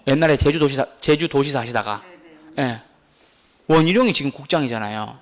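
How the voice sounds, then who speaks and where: Lively, animated man lecturing a class. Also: a little high. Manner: animated, teasing, asks the class many questions. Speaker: real estate exam lecturer.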